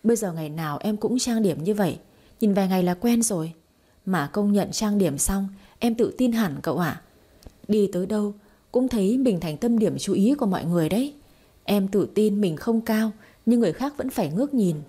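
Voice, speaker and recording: A woman voicing a feisty, sharp-tongued young wife with a sassy, teasing manner in a storybook reading. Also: mid-range voice, expressive, slightly rough. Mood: boastful. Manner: sassy, teasing, quick retorts.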